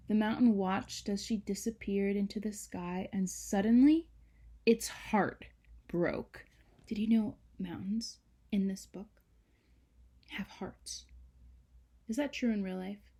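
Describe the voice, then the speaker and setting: With a mid-range voice, a woman reads a children's storybook aloud the way a teacher would. She adds dramatic emphasis and hushed moments, plus chatty asides to her young listeners.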